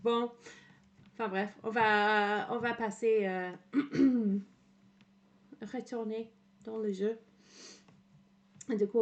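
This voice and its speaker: An Englishwoman with a mid-range, darkish voice streams in French with an English accent, giving casual commentary. She hesitates a lot, fills gaps with frequent "euh," slips in English words and laughs often.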